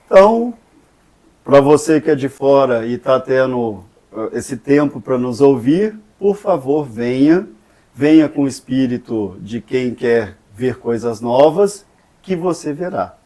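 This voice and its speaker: A man's voice: mid-range voice, lively intonation, measured pace, warm tone. Jovial small-town man inviting visitors. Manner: enthusiastic, joking, inviting. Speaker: local interviewee promoting the town. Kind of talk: casual chat.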